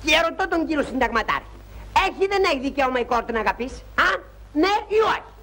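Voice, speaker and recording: An actor playing a naive young soldier in a 1960s film comedy, rambling and apologizing, with pompous turns of phrase. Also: male voice, very high-pitched, animated, sharp tone, full character voice. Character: naive, talkative young soldier, pleading and indignant. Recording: noisy old film soundtrack.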